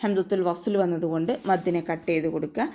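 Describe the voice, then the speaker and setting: A woman with a Malayali accent teaching Quran recitation in an online class, explaining each letter patiently and chanting example verses slowly. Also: lowish voice, fairly even intonation, warm tone. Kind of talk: online tajweed lesson.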